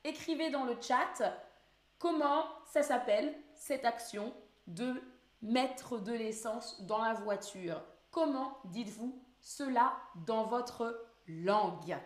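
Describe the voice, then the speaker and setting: A woman's voice: fairly high pitch, takes it slowly, echoey room. A woman teaching French in a live online lesson, patiently repeating words and questions for her viewers.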